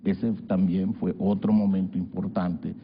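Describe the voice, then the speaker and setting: A man from El Salvador in his sixties, a journalist guest recounting his life in a measured, reflective way with frequent hesitations. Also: deep voice, little pitch movement, breathy edge. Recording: dull lo-fi broadcast audio with faint hiss.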